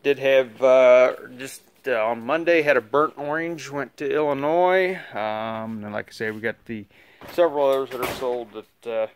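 Midwest guy walking round his bike shop on his phone, smooth clear voice, easygoing, lots of uhs. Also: mid-range voice, normal speed. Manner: relaxed, rambling, many "uh" fillers. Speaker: motorcycle shop owner giving an update. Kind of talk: casual walkaround shop update. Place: large indoor motorcycle shop and showroom. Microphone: phone camera held while walking.

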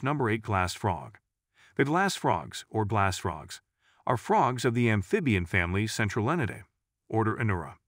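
Low-voiced man narrating a nature documentary. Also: a bit bright, no echo, clean studio sound. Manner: measured, informative read-aloud delivery.

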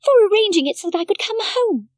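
A woman voicing Heidi, an eager, excitable little girl in a storybook reading, calling out breathlessly. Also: very high voice, fast, dry recording, pitched above the performer's own voice.

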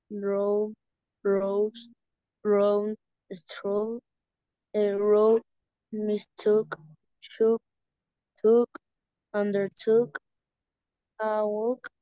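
A woman student reciting a list of English past-tense verbs in a steady run. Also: mid-range voice, clear, resonant tone, no echo, highs cut off.

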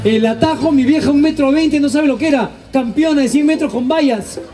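A man telling stand-up stories on stage, animated, slangy and crude. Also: very high-pitched, a little fast, faint music behind. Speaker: stand-up comedian. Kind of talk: stand-up storytelling. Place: live stage show.

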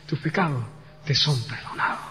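A man doing a calm, grave teacher. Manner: slow, measured, low. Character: calm, grave male teacher speaking firmly. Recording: church hall reverb with hum.

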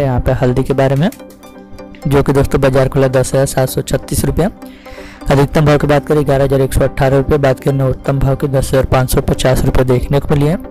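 A man's voice: mid-range voice, mellow, poor audio. A man from India hosting a farm market report, rattling off commodity prices in a repetitive scripted way. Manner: rapid, repetitive listing of prices. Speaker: host reading market prices.

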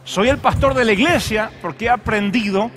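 A man's voice: sits high, a little fast, faint music behind. A man preaching a humorous sermon as a pastor, telling stories and acting out voices. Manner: animated storytelling with acted voices and jokes.

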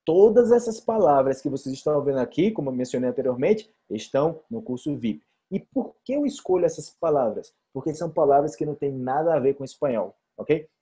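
A young man with a Brazilian accent runs a live-stream Portuguese vocabulary quiz in a chatty, lively way and reads viewers' comments aloud. His voice sits a little high, but its tone is mellow and slightly husky. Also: a little fast, hardly any pauses.

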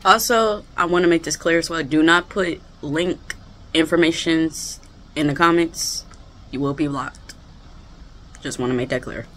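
A woman's voice: deep voice, unhurried, a bit bright. A woman hosting a reaction video, chatting casually and eating while she talks.

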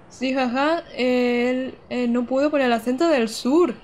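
A woman's voice: high-pitched, animated, slow, darkish tone, a little hiss or hum. A woman, streaming a video game live, chatting casually, laughing often and reading chat aloud.

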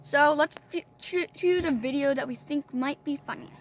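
A high-pitched woman's voice, quick and upbeat, welcoming viewers and steering a casual vlog. The sound is noisy, with a constant hiss under her voice. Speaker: channel host. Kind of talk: casual vlog intro and chat. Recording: noisy home recording.

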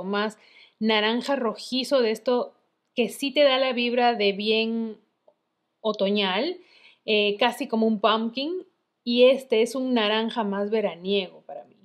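A woman reviewing makeup in a chatty, casual way, full of diminutives. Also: on the high side. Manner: chatty, uses many diminutives. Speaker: beauty vlogger.

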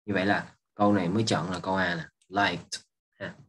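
A man's voice: low voice, flat delivery, a little fast, a bit bright. A man, an English teacher going over an exam and patiently repeating words while checking that students follow. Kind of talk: exam review lesson.

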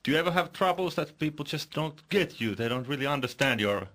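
A man's voice: a little high, expressive, fairly quick, gravelly, a bit bright. Man hosting a radio interview. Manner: asks simple questions, laughs often. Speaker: radio host. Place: radio studio.

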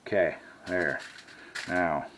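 The sound is poor, with slight background noise, as a man with a low, steady, fairly bright voice speaks slowly. Hosting a casual cooking video, he talks folksy to "y'all" while prepping in his home kitchen and then grilling outside, recorded on a handheld camera mic.

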